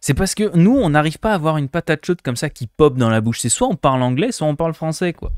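A man from France commenting casually on a game he is streaming, playful and quick to laugh. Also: on the high side, animated, a little mellow, no echo, studio quality. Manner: playful, laughing, mimics accents.

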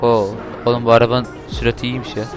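A man giving casual gameplay commentary, talking loudly and swearing and shouting at the game. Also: medium pitch, flat delivery, quick pace. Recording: game music playing behind.

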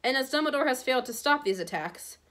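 A woman voicing a haughty aristocratic male villain in a storybook, smooth, condescending and falsely polite. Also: high voice, lively intonation, fast, a bit bright, voice pushed up. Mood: smug. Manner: oily politeness, condescending drawl.

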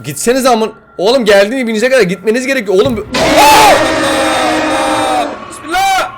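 A young man playing a horror game, swearing, joking and yelling at the game as he comments. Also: very high voice, lively intonation, very fast, over music, crowd noise. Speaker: gaming YouTuber.

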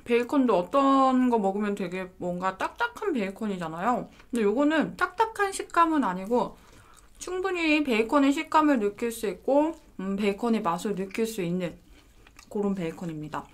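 A woman's voice: on the high side, animated, normal speed. Woman reviewing food, mouth full. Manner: polite, chatty, descriptive.

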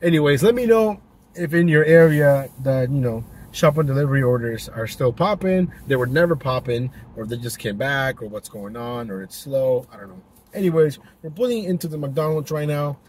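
This young man's casual in-car vlog comes through a dash-mounted camera, and he keeps using fillers and starting over. His voice is husky and darkish, medium in pitch, at a normal speed. There's faint car noise as he drives.

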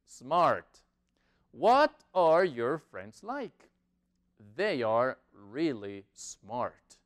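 A man teaching English to Spanish-speaking learners in an online lesson. He drills words and model sentences, saying them slowly and repeating them between quicker explanations. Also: mid-range voice, big pitch swings.

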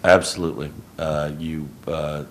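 Very deep, gravelly coach at a press table. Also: male voice, level tone, measured pace. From Houston, Texas. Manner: rambling, self-correcting, low-key. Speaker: head basketball coach. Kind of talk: postgame press conference answers. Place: press conference room. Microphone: table mic on a stand.

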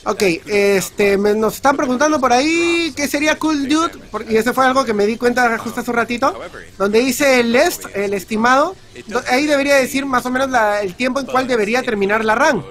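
Peruvian guy commentating a stream, kinda high voice, chatty, lots of "este". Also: brisk, fairly bright tone. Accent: Peruvian Spanish. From Peru. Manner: chatty, upbeat, filler-heavy. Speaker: speedrun commentator. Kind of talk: casual live-stream commentary chat.

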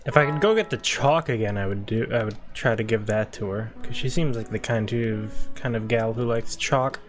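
A man's voice: mid-range voice, normal speed, soft background music. A man streaming a video game, giving casual, joking commentary, swearing freely and chatting with viewers.

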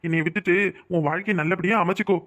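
A man voicing a gruff young village husband in a cartoon, curt and scolding. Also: high voice, steady tone, rapid-fire, fairly bright tone, muffled recording. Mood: brusque. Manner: brusque and scolding. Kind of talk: cartoon voice acting.

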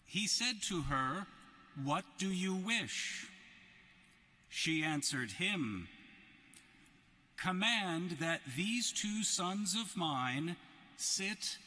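Slow, bright man with cathedral echo. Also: a little high. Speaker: gospel reader at Mass. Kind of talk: solemn liturgical reading. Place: large basilica. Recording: long cathedral reverb in a basilica.

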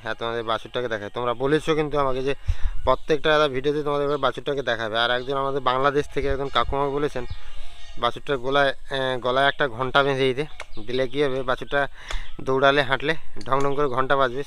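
A young man vlogging casually at home, sick with a cold and a sore throat, chatting with fillers and clearing his throat. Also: mid-range voice, pushed and bright, a little hiss or hum. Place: at home and outdoors in the yard. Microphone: handheld camera on a stand.

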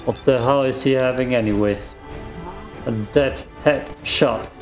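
Music plays behind this let's play gamer, a native German speaker recording on a desk microphone at home. He chats loosely about his game, reacting out loud and making self-deprecating jokes, in a mid-range, steady voice at a measured pace.

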